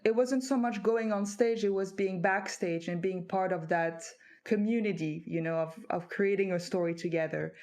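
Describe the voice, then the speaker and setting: Speaking at normal speed in a medium-pitched, slightly mellow voice, a French woman who is a native speaker reflects on her journey as a guest author. The interview is conversational, and she pauses with hesitant fillers as she thinks it through.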